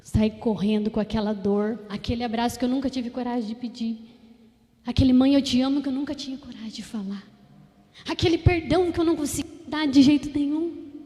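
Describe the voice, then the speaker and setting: A woman's voice: fairly high pitch, fairly even intonation, a little fast, mellow, long reverb tail. A woman with a Brazilian Portuguese accent, giving a heartfelt personal testimony as a lay preacher at a prayer group and speaking straight to the congregation. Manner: fervent, heartfelt, speaks directly to the congregation with frequent tag questions.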